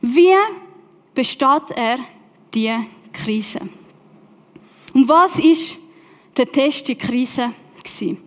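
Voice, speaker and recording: A woman with a Swiss German accent preaching a sermon, telling the story with lively questions to her listeners. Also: high-pitched, extremely slow, long pauses. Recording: long reverb of a large hall.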